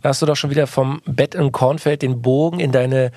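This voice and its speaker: A male interviewer asks friendly, probing questions in a casual interview. His voice is mid-pitched and gravelly. The sound is dry and close. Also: fairly even intonation, brisk, dark tone, no room sound. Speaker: interviewer, host.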